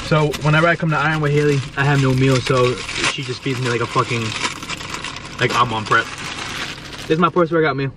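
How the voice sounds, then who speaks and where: A man's voice: mid-range voice, fairly quick, background noise. A young man bantering in a parked car, joking, complaining and swearing. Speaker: vlogger's gym partner. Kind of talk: casual banter.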